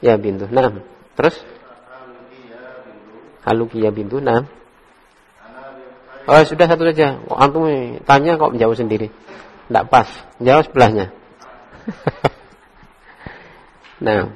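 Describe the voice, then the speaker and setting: A man teaching an Arabic class in a relaxed way, correcting his students. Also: medium pitch, a little slow, long pauses, slightly rough. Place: study hall. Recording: dull echoey hall recording.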